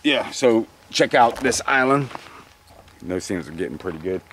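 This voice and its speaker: A man's voice: fairly low pitch, expressive, a bit bright, a little hiss or hum. Rambling man filming outdoors by water. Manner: rambling, halting, with frequent restarts and small laughs. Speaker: kayak travel vlogger. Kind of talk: casual outdoor video diary. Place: outdoors on a shell beach by open water. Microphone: handheld camera or lapel, close framing.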